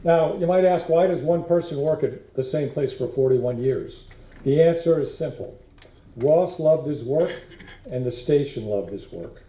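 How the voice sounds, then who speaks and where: A man's voice: fairly high pitch, animated, measured pace, mellow, echoey room. A man presenting an award at a luncheon, introducing an honoree in a friendly, lightly joking way. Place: large banquet hall.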